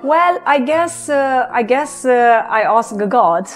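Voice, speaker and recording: A young woman from Transylvania with a Hungarian-Romanian accent, giving a personal testimony in English with many pauses and fillers. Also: high voice, animated, soft background music. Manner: halting, many fillers and restarts. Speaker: guest.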